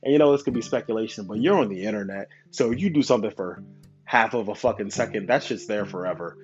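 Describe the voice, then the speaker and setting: A man's voice: on the low side, quick pace. A man giving a casual, profane rant about a fight, swearing constantly and firing questions at his viewers. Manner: swears constantly, animated, asks the audience questions. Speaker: commentator on fights. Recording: dull lo-fi sound with loud guitar music.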